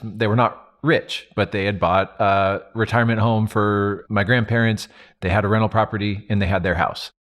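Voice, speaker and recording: A man talking in a casual roundtable, telling reflective stories with many fillers and restarts. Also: lowish voice. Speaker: podcast host and advantage player.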